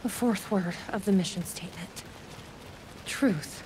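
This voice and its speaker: An actress playing a determined, uneasy investigator with a wry streak, speaking haltingly as if thinking aloud in a naturalistic video game style. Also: female voice, medium pitch, noisy background, natural voice. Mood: shaken, urgent. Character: determined woman investigator searching for her brother, uneasy but wry.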